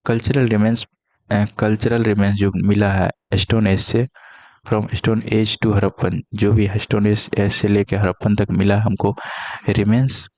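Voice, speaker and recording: Male tutor, low flat hush, repeats for memory, dry close sound. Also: unhurried, dry recording. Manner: speaking softly to avoid coughing; repeats key terms and mnemonics. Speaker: teacher. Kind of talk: exam-prep lecture.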